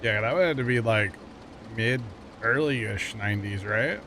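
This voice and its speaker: A man's voice: lowish voice, unhurried, bright, forceful tone. A middle-aged man hosting a gaming livestream in casual chat, teasing his co-player and humming along. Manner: teasing, jokey, hums while playing. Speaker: livestream host. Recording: game vehicle engine noise behind.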